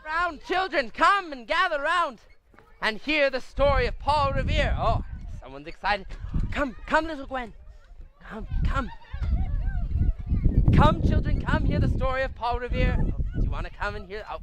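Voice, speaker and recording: A man voicing a jolly storyteller who gathers children in a cartoon, animated and sing-song. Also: very high-pitched, moderate pace, background noise. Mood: lively.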